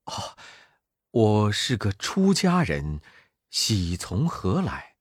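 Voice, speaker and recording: A man voicing a gentle, anxious elderly male monk who talks low and softly. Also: wildly swooping pitch, very slow, breathy edge, no echo, studio quality, heavily acted. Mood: fretful. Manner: low, soft, fretting.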